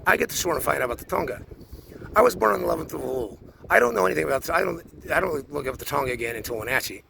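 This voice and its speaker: Gravelly rambling man. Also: fairly high pitch, expressive, racing, noisy background. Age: 40s. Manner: rambling, many restarts and repeated words. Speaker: vlogger. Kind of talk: rambling personal monologue.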